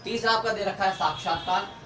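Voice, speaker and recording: A man's voice: high-pitched, steady tone, a little fast, fairly bright tone. A man teaching an online grammar lesson, explaining step by step as he writes on a board. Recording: echoey room, far from mic, faint background hiss.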